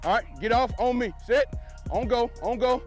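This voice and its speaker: A football coach at outdoor practice, wearing a body mic, joking with players and shouting energetic drill commands. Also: male voice, extremely high pitch, moderate pace, soft background music. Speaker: defensive line coach. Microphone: wireless body mic.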